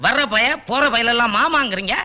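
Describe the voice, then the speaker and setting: A man acting a tea shop owner in a Tamil film comedy, brash and scolding with quick retorts. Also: extremely high pitch, pushed and bright, slight background noise.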